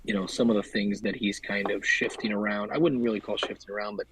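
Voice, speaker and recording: A man's voice: fairly low pitch, steady tone, fast talker, a bit bright, slight background noise, low-quality recording. A man co-hosting a casual podcast, talking politics in a thoughtful, filler-heavy way. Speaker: podcast co-host.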